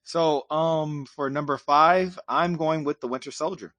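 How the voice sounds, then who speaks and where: A man's voice: fairly high pitch, fairly even intonation, fairly bright tone, no echo. A male podcast co-host in a casual panel chat, explaining his picks earnestly with frequent ums. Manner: earnest, measured, with filler ums.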